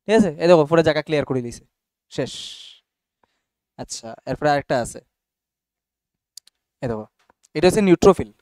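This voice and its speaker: A man's voice: on the high side, expressive, a little fast, long pauses, darkish tone, no room sound, clean studio sound. A young man teaching a class casually and often checking whether students follow. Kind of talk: classroom biology lesson.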